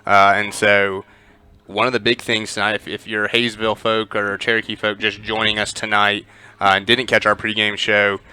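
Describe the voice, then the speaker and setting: A man calls pregame football talk in a relaxed, chatty way, his speech full of "uh" and "you know" as he builds toward animated stories. His voice sits a little low but comes through bright, forceful and smooth. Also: moderate pace. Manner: conversational, many "uh" fillers, animated storytelling. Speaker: sports commentator.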